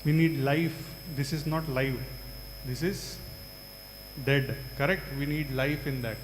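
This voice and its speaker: Speaking slowly in a slightly high voice, a man with a South Indian accent teaches a large class in a big hall, echoing students' answers and prompting them with quick questions. The recording carries reverb from the echoey hall plus a faint hum.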